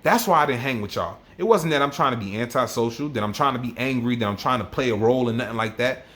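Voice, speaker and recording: An army NCO who vlogs tells a personal story in a mid-range, slightly bright voice at a quick pace. He is emotional and worked up, and he often repeats himself.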